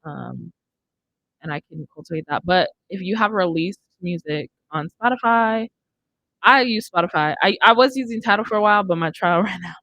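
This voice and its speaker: A young adult American woman, working as a radio show host, chats casually on a podcast from an indoor studio using a close boom-arm microphone. Her voice is on the low side and a bit bright, at normal speed.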